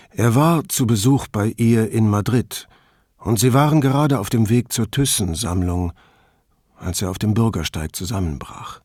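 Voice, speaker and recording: A man calmly narrating an audiobook in an even storytelling manner, close to the microphone. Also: lowish voice, dry recording. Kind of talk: scripted narration.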